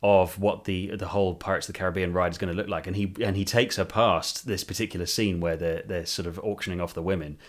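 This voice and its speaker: A man co-hosting a podcast in casual chat, laughing often and making quick asides. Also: low-pitched, steady tone. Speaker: podcast co-host.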